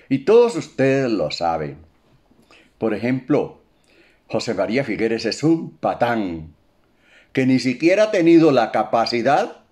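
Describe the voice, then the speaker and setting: A man from Costa Rica giving an impassioned political monologue, addressing listeners directly and swinging from low, measured phrases to loud emphatic bursts. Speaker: political commentator.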